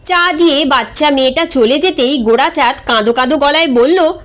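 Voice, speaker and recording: A woman narrating a comic short story in a measured, expressive way. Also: high-pitched.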